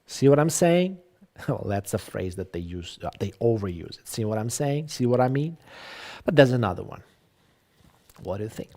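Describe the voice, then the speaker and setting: A man's voice: medium pitch, gravelly, a little mellow, slightly rough. A man teaching English in a live online lecture, acting out example phrases and repeating himself.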